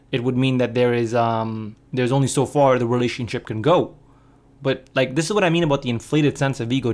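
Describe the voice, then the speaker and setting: Male commentary host, mid pitch, calm and analytical. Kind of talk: casual reaction commentary.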